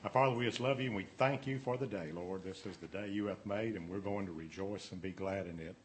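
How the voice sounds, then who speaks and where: A man's voice: deep voice, quick pace, slight background noise. A man, a city councilman, leading an earnest spoken prayer that halts and restarts now and then.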